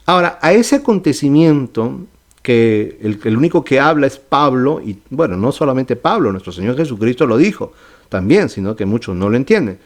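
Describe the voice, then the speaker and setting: Pastor teaching with "ok?" check-ins. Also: male voice, medium pitch, very animated, normal speed. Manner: explanatory, with frequent "¿ok?" and "¿verdad?" check-ins; restarts and self-corrections mid-phrase. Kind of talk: Bible study sermon.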